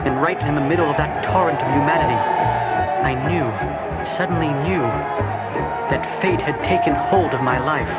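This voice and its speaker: An earnest young hero, voiced by a man telling his own story in a cassette audio drama. His voice sits a little high, and loud music plays under him. The recording sounds dull and muffled. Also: lightly acted. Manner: earnest and reflective. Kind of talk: first-person audio drama narration.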